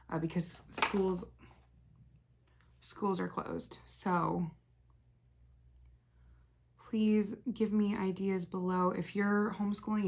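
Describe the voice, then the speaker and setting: A young woman hosting a casual, chatty makeup tutorial, rambling softly as she works and often dropping to a near whisper. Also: lowish voice, gravelly. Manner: rambling, soft-spoken, talks while working, often drops to near whisper.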